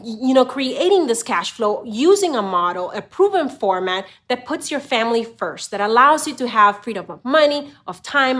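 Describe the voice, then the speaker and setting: A woman's voice: fairly high pitch, fairly bright tone. A middle-aged woman from Honduras talking casually to camera as a channel host, loose and conversational, with many filler words. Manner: conversational, frequent "you know" fillers. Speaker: real estate investor and channel host. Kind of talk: casual direct-to-camera talk.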